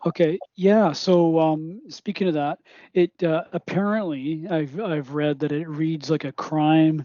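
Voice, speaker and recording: A man's voice: fairly high pitch, fairly even intonation, a little slow, dark tone, no room sound, muffled recording. A man hosting a casual, conversational interview and putting questions to his guest.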